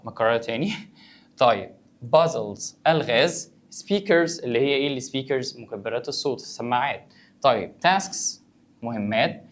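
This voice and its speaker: Male teacher, Egyptian Arabic accent, brisk classroom explainer. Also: medium pitch. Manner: quick, conversational, asks and answers his own questions. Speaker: English teacher. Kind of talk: vocabulary lesson for students.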